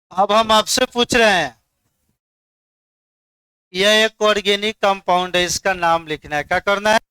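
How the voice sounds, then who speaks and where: Unhurried and coaxing, a male chemistry teacher keeps saying "dekhiye" so students will look carefully, quizzing each in turn. His high, bright voice is smooth and clear, captured up close with no echo.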